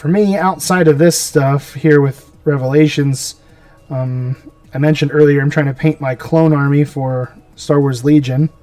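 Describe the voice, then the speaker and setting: A man's voice: fairly high pitch, steady tone, unhurried, dark tone, no room sound. Chatty man painting on a live stream. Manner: rambling, talks to himself as he works. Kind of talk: casual live-stream chat while painting. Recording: mic a bit far off, music behind.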